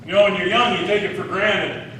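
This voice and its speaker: A pastor in his sixties gives a conversational sermon, asking the congregation questions, in a high-pitched, sharp voice. He talks fairly quickly with fairly even intonation. Slight background noise and the echo of a large hall come through the distant mic.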